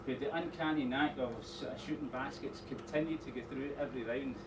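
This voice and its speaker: A man's voice: mid-range voice, steady tone, fast. Middle-aged man's rambling speech, distant and echoey. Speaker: father of the bride giving a wedding speech. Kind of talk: informal wedding toast speech. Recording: echoey room, distant mic, noisy background.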